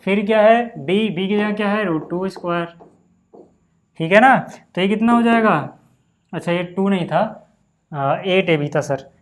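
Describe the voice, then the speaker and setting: Casual Hindi-speaking maths teacher. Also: male voice, high voice, moderate pace. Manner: casual, repeats "ठीक है" and "भाई" often. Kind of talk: screen-recorded maths lesson.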